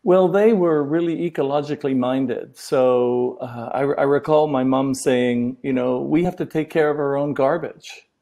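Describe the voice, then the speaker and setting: A middle-aged man from Wales, a relationship coach, giving thoughtful interview answers with many pauses and restarts. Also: medium pitch, mellow.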